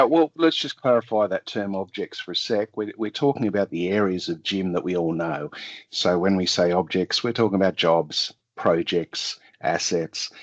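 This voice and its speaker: A hoarse man with a cold, the head of customer services, explaining software in a relaxed way. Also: low-pitched. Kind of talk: casual explanation. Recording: dull lo-fi audio.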